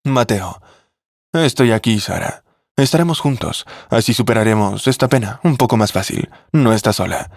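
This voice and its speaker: A man's voice: mid-range voice, expressive, moderate pace, gravelly, dry recording, clean studio sound. A man voicing a young man who awkwardly tries to comfort a grieving widow. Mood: consoling. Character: young man consoling his stepmother, awkward.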